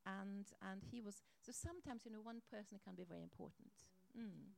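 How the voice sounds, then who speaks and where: A woman's voice: medium pitch, fairly quick, creaky. A woman being interviewed, recounting a past negotiation in a reflective storytelling way, with emphatic asides. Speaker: interviewee, organization chairperson.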